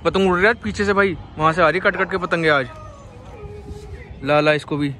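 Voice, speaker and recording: A young male vlogger from India records casual commentary on a city rooftop with the phone camera he holds. His high, bright voice is unhurried yet excitable, and he laughs as he urges a friend on.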